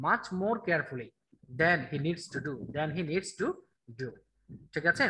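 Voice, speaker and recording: A man teaching an online English grammar class, quizzing a student and reading answer options slowly. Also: high voice, pushed and bright, low-quality recording. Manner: drills answers with rhetorical questions, reads options slowly.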